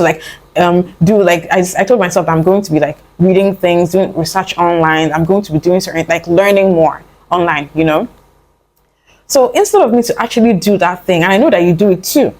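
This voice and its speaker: A young adult woman with a lowish, darkish voice vlogs a casual motivational talk. Earnest and coaxing, she calls the listener "my love" and "honey," rambling with lots of fillers and restarts as she pleads with them.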